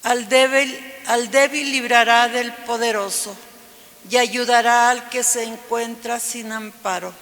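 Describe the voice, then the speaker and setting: A man reading the psalm at mass and singing alleluia refrains in a slow, measured way, his voice carried by a cathedral echo. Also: very high-pitched, creaky, bright, forceful tone. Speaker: psalm reader and cantor. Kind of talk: liturgical reading with sung refrains. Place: large church. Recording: long church reverb.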